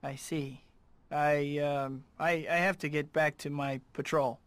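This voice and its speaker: A man's voice: a little high, fairly even intonation, a little slow, fairly bright tone, clean tone, dry recording. A man playing a young, quippy, sarcastic masked superhero in a video game, cocky yet full of self-doubt. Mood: downcast.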